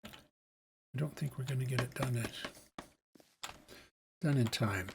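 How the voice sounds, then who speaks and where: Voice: medium pitch, measured pace, gravelly, noisy background. A let's-play host giving casual gameplay commentary, musing aloud and thinking through each task step by step.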